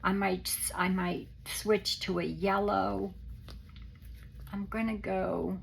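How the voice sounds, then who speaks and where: A hoarse, unwell woman with a croaky voice that breaks into a papery whisper, gently talking through a craft demonstration in a halting, casual way, as if thinking aloud. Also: mid-range voice, flat delivery, slight background noise. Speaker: craft tutorial host.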